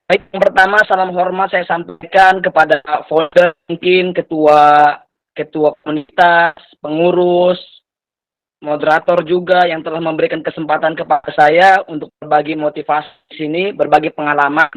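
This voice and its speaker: A young man from Lampung, Indonesia, in his twenties, gives a heartfelt motivational talk, often repeating his phrases and weaving in religious blessings. His voice sits high and bright. The sound is close and dry, with no room around it. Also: level tone, moderate pace, no echo, muffled recording. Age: 20s. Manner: earnest, repetitive and religious, mixing in Islamic phrases. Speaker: motivational speaker. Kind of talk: motivational talk to an online community.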